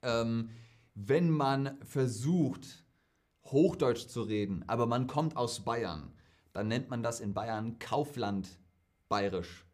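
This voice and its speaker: A young German man answering viewer questions in a casual, lively Q&A vlog, chatting and acting out quoted speech. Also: mid-range voice, slow.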